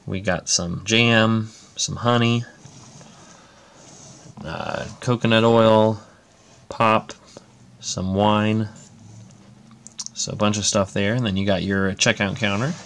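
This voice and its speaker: A man with a low, gravelly voice talks through a casual show-and-tell from behind the camera. He speaks in a relaxed way, filling pauses with "uh" as he lists things one by one. He sounds like he is at a table indoors. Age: adult parent. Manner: relaxed, many "uh" fillers, listing items. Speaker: Lego builder showing his model.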